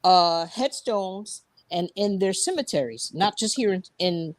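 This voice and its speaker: A woman talks casually as a panelist in a dry recording with little room sound. Her voice is mid-pitched, and she is emphatic and plain-spoken. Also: expressive, measured pace, no echo. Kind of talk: casual discussion.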